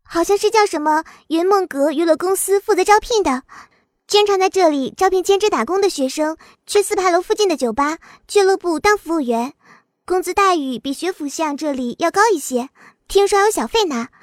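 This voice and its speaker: Woman doing an earnest young student girl for an audiobook, very high voice, dry sound. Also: lively intonation, a little fast, no echo. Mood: chatty. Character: young female student, worried and talkative. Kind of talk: audiobook dialogue acting.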